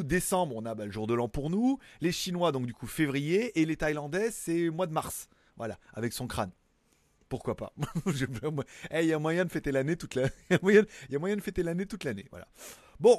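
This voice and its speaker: A man's voice: on the high side, darkish tone, no room sound. A man hosting a casual tech news show, rambling and self-mocking with many fillers. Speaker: tech news YouTuber host. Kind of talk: casual chat to camera. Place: home in Thailand.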